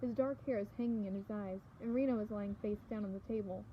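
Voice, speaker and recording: A woman's voice: medium pitch, fast talker, muffled recording, slight background noise. Woman reading a novel aloud. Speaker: audiobook reader. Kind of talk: first-person novel read-aloud.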